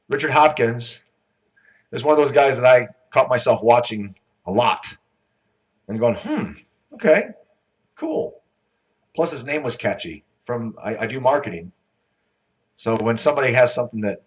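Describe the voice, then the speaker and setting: On a conference stage, a male emcee spins rambling jokes before bringing on the next speaker. His voice is husky and medium-pitched, and the recording is rough.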